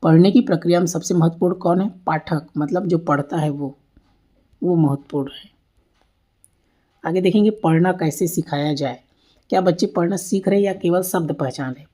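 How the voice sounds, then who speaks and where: A woman's voice: deep voice, moderate pace, warm tone. A woman teacher giving an exam-prep lecture over slides, often asking and then answering her own questions and repeating key points.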